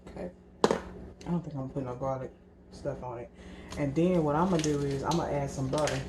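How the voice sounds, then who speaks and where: A woman with a low-sitting voice talks briskly while cooking in her home kitchen for a vlog. Chatty and rambling, she keeps calling her viewers "y'all," and the echoey room carries background noise.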